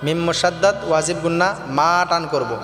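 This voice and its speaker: A man with a Bangladeshi Bengali accent teaching Quran recitation, chanting verses slowly and then explaining pronunciation. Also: fairly high pitch, fairly even intonation. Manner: slow drawn-out chanting alternating with quick spoken explanation. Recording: echoey reverb with faint music.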